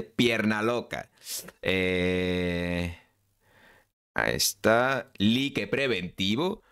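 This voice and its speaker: Brief: Spain-accented man, middle pitch, casual playful reaction commentary. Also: fairly bright tone. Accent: Spain Spanish. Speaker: reaction video host.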